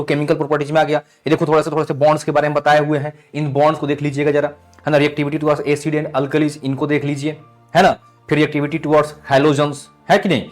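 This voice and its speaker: Guy teaching chem, keeps asking "thik hai?", a bit high pitched, soft music behind. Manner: addresses students as "beta", checks with "thik hai?". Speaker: chemistry teacher. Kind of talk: online exam-prep lesson.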